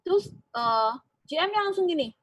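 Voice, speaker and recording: A woman's voice: extremely high pitch, expressive, normal speed, low-quality recording. A woman giving a sermon at a prayer fellowship, telling a personal workplace story with many fillers and acted-out dialogue. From Indonesia. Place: church fellowship room.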